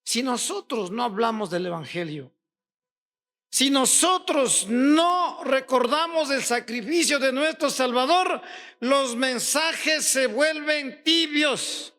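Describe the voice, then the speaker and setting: Man preaching, very high voice, bright and forceful, rhetorical questions, bursts of shouting. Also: animated. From Ecuador. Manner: fires rapid rhetorical questions at the congregation; rises to shouts on key points. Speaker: pastor. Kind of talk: sermon.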